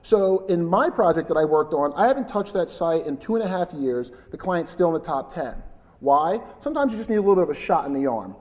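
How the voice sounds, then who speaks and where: A man giving a live conference talk in a loud, chatty, informal way. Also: on the high side, expressive, fairly quick. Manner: loud, chatty, invites interruptions. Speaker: conference speaker. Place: large conference hall. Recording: long hall reverb.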